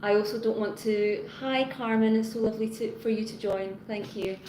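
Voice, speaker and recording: A woman chatting on a live stream, talking into her phone's front camera in an echoey room with a steady hum of background noise. Her pitch sits in the middle range, and she drifts from one thought to the next. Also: normal speed. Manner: chatty and rambling, greeting chat commenters. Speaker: live-stream host, teacher. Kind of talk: casual live-stream chat with viewers. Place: her home in Hong Kong.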